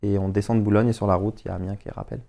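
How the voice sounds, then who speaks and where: A young man with a Paris suburbs accent, a footballer chatting as a podcast guest, slangy and animated as he acts out what people said. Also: on the low side, very fast, creaky. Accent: Parisian suburbs French. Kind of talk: casual storytelling chat.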